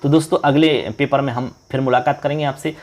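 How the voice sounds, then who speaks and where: A male exam-prep teacher from India, quizzing viewers through a model paper and reading out the answer options slowly. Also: mid-range voice, steady tone, a little mellow. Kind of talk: online exam-prep lesson.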